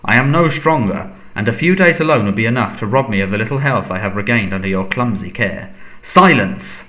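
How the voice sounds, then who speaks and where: A man voicing a frail, menacing dark lord in a storybook, soft, breathy and hissing, commanding and contemptuous. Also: lowish voice, fast, natural voice, poor audio. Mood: contemptuous, angry.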